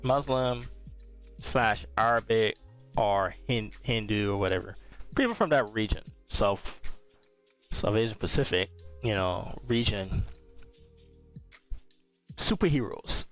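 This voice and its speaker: A man's voice: on the low side, lively intonation, slow pace, long pauses, soft background music. A young man hosting a podcast, chatting casually about shows in a rambling, easygoing way. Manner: rambling, easygoing, often restarts his sentences. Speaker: podcast host. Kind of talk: casual pop-culture review chat.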